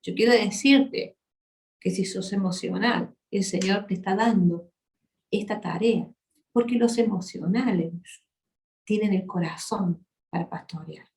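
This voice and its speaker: Speaking unhurriedly in a mid-range, somewhat mellow voice, a woman delivers a sermon as the guest speaker at a women's church gathering. She preaches with both passion and tenderness, her volume shifting suddenly, and the echoey hall colors the recording.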